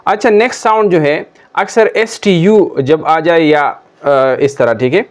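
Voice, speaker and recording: Man teaching slowly, checking in often. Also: fairly high pitch. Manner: slow, deliberate word-by-word modeling with frequent "okay" check-ins. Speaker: English teacher. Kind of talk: classroom lesson explaining pronunciation.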